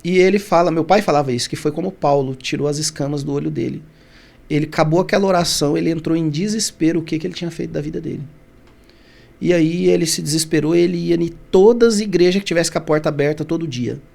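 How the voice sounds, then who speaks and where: A man from Brazil recounts his own past as a podcast guest, his voice sitting a bit high with a gravelly edge. He tells the story with feeling, often breaking off and restarting, and he acts out the voices of the people he quotes. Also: quick pace, darkish tone. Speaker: podcast guest, barbershop founder. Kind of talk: personal storytelling in an interview.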